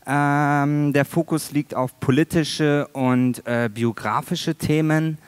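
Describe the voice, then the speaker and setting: Thirties man presenting his own work on stage, halting and dry-humored, dry close sound. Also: fairly high pitch, fairly even intonation, clean tone, no echo. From Iran. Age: 30s. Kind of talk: conference presentation. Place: large dark auditorium stage. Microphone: headset mic.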